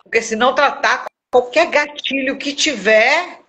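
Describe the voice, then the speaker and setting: A middle-aged woman, giving an earnest, emotional personal testimony as a guest on a live stream, with halting repeats. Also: high-pitched, bright, forceful tone, poor audio. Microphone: phone or webcam on a live video.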